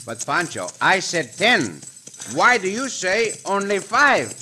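A dashing, commanding cowboy hero with a Mexican accent in an old radio western. His voice is high for a man, very bright and lively, with formal phrasing. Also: slow pace, exaggerated voice. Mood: amused. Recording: faintly noisy old radio recording.

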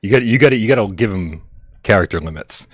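A man's voice: fairly low pitch, lively intonation, brisk, dry recording, studio quality. A man hosting a casual live gaming stream, joking with his co-host and reading out viewer tips, often restarting his sentences. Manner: laid-back, jokey, stumbles and restarts. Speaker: podcast host.

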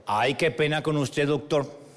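Man mimicking a young Cali hotel clerk: Colombian accent, slow, sheepish, apologetic. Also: on the high side, a bit bright. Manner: drawling, overly apologetic.

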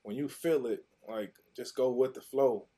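A man's voice: medium pitch, normal speed, slightly rough. A man, a former pro football player, talking loosely as an interview guest and acting out old conversations as he tells them. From Mississippi, USA. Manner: animated, loose, repeats and restarts, acts out quotes. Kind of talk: casual interview storytelling.

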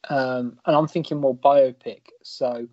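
A man's voice: mid-range voice, steady tone, unhurried, a little mellow, no room sound, dull audio. A man co-hosting a casual football podcast, rambling and hedging as he thinks aloud. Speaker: podcast co-host.

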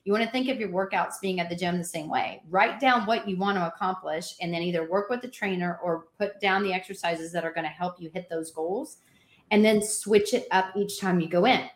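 A woman trainer giving energetic workout advice in a casual chat, laughing often. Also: fairly low pitch, brisk, echoey room. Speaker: fitness trainer guest.

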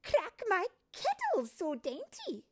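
A woman's voice: very high voice, huge pitch swings, a little slow, pitched above the performer's own voice, full character voice. A woman voicing a bossy, fussy older female head fairy in a storybook, exclaiming grandly. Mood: delighted fuss.

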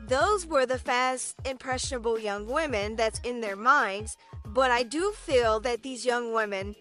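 A woman's voice: fairly high pitch, unhurried, a bit bright, soft background music. A woman co-hosting a podcast in casual chat, chatty, repeating words and often tagging on "right?". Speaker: podcast co-host.

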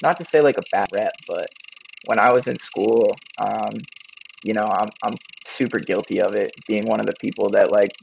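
A young man, slightly hoarse, talking as an interview guest in a laid-back, rambling way with many fillers. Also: fairly low pitch, normal speed. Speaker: guest, print-on-demand business owner. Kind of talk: casual interview chat. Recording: dull lo-fi sound with faint noise.

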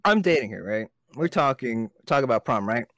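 A man's voice: medium pitch, expressive, normal speed, a bit bright, no echo, clean studio sound. A young man co-hosting a casual podcast chat, telling rambling stories with lots of swearing and laughter. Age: young adult. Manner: rambling storyteller, swears a lot, laughs often. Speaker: podcast co-host.

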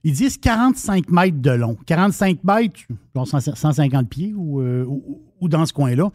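A man's voice: fairly high pitch, expressive, normal speed, darkish tone, no room sound, studio quality. A man with a Québécois French accent, co-hosting a radio show and telling a story in casual banter with many restarts.

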